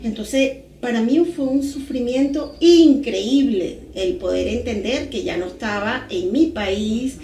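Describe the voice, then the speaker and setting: A Venezuelan woman in her forties, a podcast guest telling her story in a lively, animated way with little sound words. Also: on the high side, measured pace, hardly any pauses, echoey room. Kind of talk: casual podcast interview.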